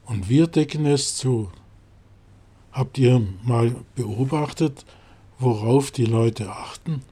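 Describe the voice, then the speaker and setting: A man's voice: medium pitch, takes it slowly, mellow, breathy edge. A man voicing a grumbling, stubborn sheep in a storybook nativity crib, defiant and complaining.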